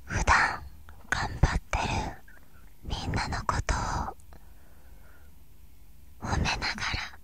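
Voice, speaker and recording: A young adult woman hosts ASMR while lying on a bed in a small bedroom, whispering into a binaural ear microphone held right at her mouth. Her breathy, airy whisper has a crisp bright edge and sounds right at the ear. She murmurs gently, slowly and reassuringly, unhurried and soothing.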